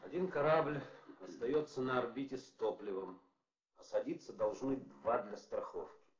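An actor playing a middle-aged spaceship commander in a 1960s film drama, grave, restrained and weighty. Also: male voice, medium pitch, animated, moderate pace, a crowd in the background, close to an everyday voice. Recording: dull, roomy old film sound, hiss.

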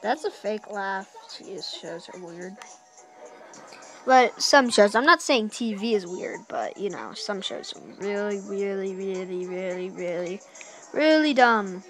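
A young woman giving casual, rambling commentary while playing a handheld game, excitable and full of asides, in a small dim room. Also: medium pitch, slow pace, faint music behind. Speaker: gameplay narrator. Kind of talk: casual let's-play commentary. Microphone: handheld camera filming a game screen.

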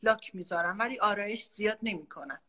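A young man, a shy and soft-spoken guest on a video call. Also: high-pitched. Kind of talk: casual live-stream chat.

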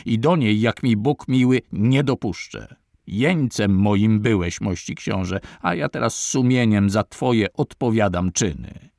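A man's voice: on the low side, measured pace, gravelly, darkish tone, no echo, studio quality. A man voicing a bold, defiant young nobleman who accuses a prince.

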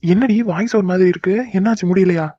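Someone doing a young cartoon dude, talks fast, coaxing and sweet, dry muffled audio. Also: medium pitch, warm tone, no room sound, close to an everyday voice. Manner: brisk, coaxing, affectionate. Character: young man, devoted son and boyfriend. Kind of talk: cartoon voice acting. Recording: dry, dull lo-fi recording.

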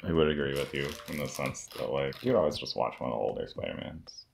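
A man's voice: very deep voice, fast talker, gravelly, a little hiss or hum. A young man co-hosting a casual video chat, talking in a dry, blunt, argumentative way, picked up by a camera mic a few feet away in a small room. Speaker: co-host. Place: small indoor room with a decorated table.

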